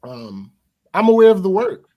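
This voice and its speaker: A man's voice: sits high, big pitch swings, moderate pace, lo-fi sound. Emphatic man explaining on a podcast. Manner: emphatic, explaining, restarts a lot. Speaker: podcast co-host. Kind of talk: casual podcast chat.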